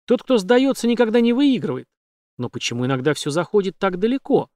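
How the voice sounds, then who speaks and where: Man narrating a dark audiobook. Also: high-pitched, brisk, dry recording. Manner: steady, dramatic reading. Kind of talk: scripted narration.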